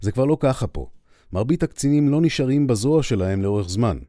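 A man's voice: medium pitch, lively intonation, warm tone, no room sound, studio quality, voice pushed up, natural voice. A man voicing a cocky male air force officer who teases an old friend. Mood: teasing. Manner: teasing, self-assured.

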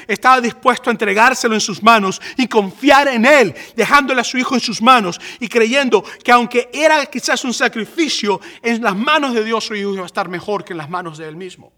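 A male preacher delivers a passionate sermon. His voice sits high for a man and rings bright and forceful. He swells to emphatic peaks. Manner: impassioned, rising to emphatic peaks.

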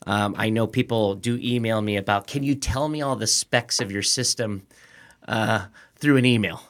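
Forceful, straight-talking male guest. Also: lowish voice, normal speed. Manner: direct and straight to the point. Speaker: guest, security systems consultant. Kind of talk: casual interview talk.

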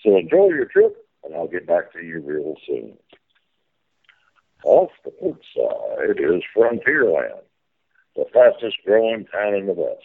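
A man's voice: low voice, wildly swooping pitch, measured pace, creaky, slightly rough, narrow, tinny audio, heavily acted. A man playing a folksy, hearty riverboat captain in a theme park ride spiel, calling to crew and passengers. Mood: folksy, jovial. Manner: folksy, calls orders to crew.

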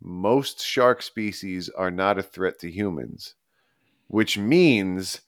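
Male co-host, deep voice, slow methodical talk. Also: dry recording, studio quality. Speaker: podcast co-host. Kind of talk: casual podcast chat.

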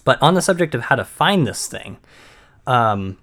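A man from Maine co-hosts a casual podcast, explaining things at a middling pitch. He talks in halting bursts, full of ums and restarts as he works out each point. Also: big pitch swings, a bit bright. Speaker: podcast co-host. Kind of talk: casual chat.

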